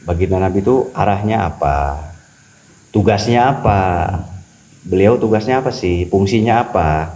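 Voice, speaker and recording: A man talking as a spiritual teacher on a podcast, animated and preachy, repeating key phrases for emphasis. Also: lowish voice, moderate pace, low-quality recording. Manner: acts out quoted voices. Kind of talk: podcast religious talk.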